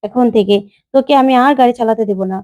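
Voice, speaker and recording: An anxious mother, voiced by a woman, who scolds her grown son out of fear. The mellow, slightly high voice is recorded dry and close. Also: quick pace, dry recording, muffled recording, close to an everyday voice.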